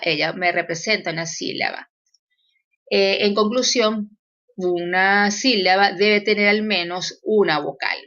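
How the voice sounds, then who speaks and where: Woman, teacher, grammar lesson, fillers and restarts, mid pitch, muffled screen-recorder audio. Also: a bit bright. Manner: explanatory, with fillers and self-corrections.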